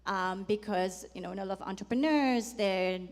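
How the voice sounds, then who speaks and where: A woman's voice: mid-range voice, normal speed. A woman who founded a company, talking frankly and conversationally on a panel. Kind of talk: panel discussion. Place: conference hall. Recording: long reverb in a conference hall.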